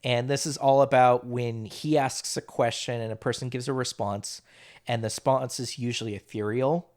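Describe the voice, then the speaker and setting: A man in casual podcast chat, talking in an animated, rambling way with frequent laughs. His voice sits at an ordinary middle pitch for a man. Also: moderate pace. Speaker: podcast host.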